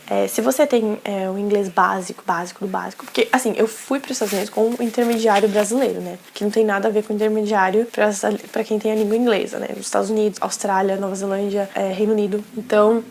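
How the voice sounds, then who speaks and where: A woman's voice: mid-range voice, gravelly, a little mellow, slight background noise. A young Brazilian woman in her twenties with a Brazilian Portuguese accent, giving chatty, emphatic advice in a casual vlog. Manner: chatty and emphatic, with slang and filler tags. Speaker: vlogger.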